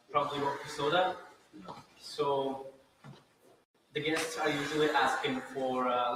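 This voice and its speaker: A male bartender from Latvia, competing, presents his cocktail while making it, explaining the steps carefully in a mid-range voice with hesitant fillers and slightly non-native phrasing. He is in a large indoor event venue, recorded through a distant mic in a very echoey hall with noticeable noise.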